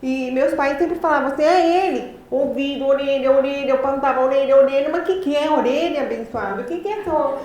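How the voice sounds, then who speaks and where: A woman with a Brazilian Portuguese accent and a voice that sits high tells a personal story during a lecture, lively and animated. She articulates deliberately and with effort, like someone who learned to speak late. The recording is muffled, in a very echoey hall with faint background noise.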